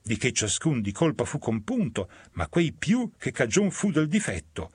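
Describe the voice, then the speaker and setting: A man's voice: medium pitch, very animated, breathy edge, no echo. Man reciting medieval verse, dry. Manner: measured, dramatic recitation. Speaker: reader.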